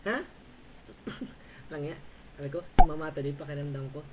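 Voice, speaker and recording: A man's voice: fairly high pitch, normal speed. Taunting man on a tinny voice chat. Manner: taunting and bossy, repeatedly barking short orders and "ha?". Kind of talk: casual trash talk in an online voice chat. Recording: tinny voice-chat line with faint hiss.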